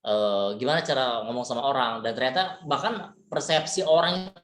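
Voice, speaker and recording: A man giving a relaxed, chatty leadership lecture, full of fillers and tag words, mixing in English terms. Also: medium pitch, normal speed. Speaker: leadership trainer. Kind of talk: casual webinar lecture. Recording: echoey room.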